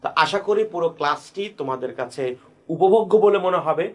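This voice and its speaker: A Bangladeshi Bengali man teaching a grammar class in a high-pitched voice. He is patient and slow, and he repeats each key point. He speaks straight to his students like a classroom teacher. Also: a bit bright.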